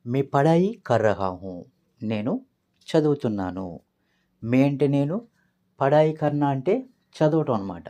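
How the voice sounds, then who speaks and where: A man in a language-lesson recording, breaking each phrase into its words and repeating it patiently. His pitch sits in the middle but moves around a great deal, so he sounds lively rather than flat. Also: a little slow, pauses often. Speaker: language teacher. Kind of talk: explaining phrases word by word.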